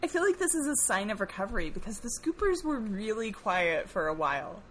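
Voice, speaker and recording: A woman in casual podcast chat, her voice rising and falling in a very lively way. She sounds playful and teasing, with a faint hiss of noise behind her. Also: medium pitch, a little fast. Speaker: podcast co-host.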